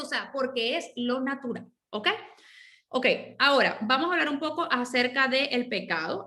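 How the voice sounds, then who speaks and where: A high, bright-toned woman pastor teaches her congregation. She explains patiently and keeps checking in with a quick "ok?". Her voice rings in a roomy, echoing space. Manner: checks in with the listeners with a frequent "ok?"; explains patiently and repeats her key points. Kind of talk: teaching sermon. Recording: roomy echo.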